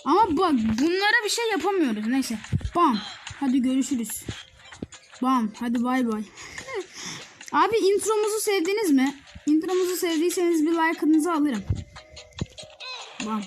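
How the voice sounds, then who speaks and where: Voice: high-pitched, expressive, normal speed, pauses often, soft background music. A child recording playful game commentary, often shrieking and giggling at the action. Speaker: gaming video maker.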